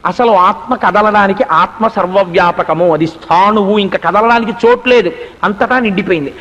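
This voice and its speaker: High-voiced man giving a spiritual discourse. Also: moderate pace, muffled recording. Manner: animated storyteller, rhetorical questions to the audience. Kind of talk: religious discourse, storytelling. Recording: long hall reverb.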